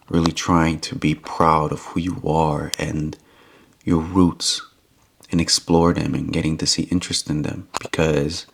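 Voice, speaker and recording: A man's voice: rumbling low, creaky. A man from Romania talking earnestly to the camera in a rambling vlog monologue, often repeating himself. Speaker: YouTube vlogger.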